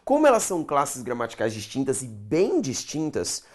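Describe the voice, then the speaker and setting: A man's voice: medium pitch, wildly swooping pitch, moderate pace, darkish tone. A man teaching a grammar lesson, stretching key words and checking in with the viewer.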